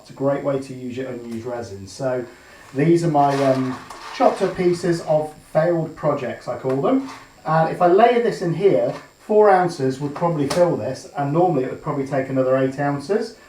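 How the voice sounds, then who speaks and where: A resin artist demonstrates a pour in casual tutorial talk while working, chatting with frequent ums, thinking aloud and changing his mind. His plain, even voice, which he calls monotone, is fairly high. His usual mic is out of action, so a built-in camera mic catches him from a distance in an echoey room.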